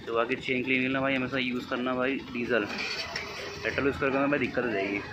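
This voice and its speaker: Music plays behind this young motovlogger as he narrates quickly to his phone camera at a bike service shop. His mid-range voice keeps a fairly even intonation, the sound is dull, and he chats away, repeatedly calling his viewers brother.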